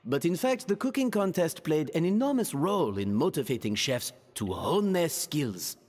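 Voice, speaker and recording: A man's voice: on the high side, big pitch swings, normal speed, darkish tone, big-room sound. An actor playing a courtly male restaurant patron with a French accent and a theatrical, flamboyant manner.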